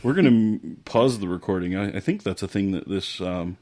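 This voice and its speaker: A man's voice: deep voice, expressive, brisk, dark tone, no echo. A man co-hosting a casual podcast chat. He is wry and self-deprecating, and he often stammers and restarts his phrases. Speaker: podcast co-host.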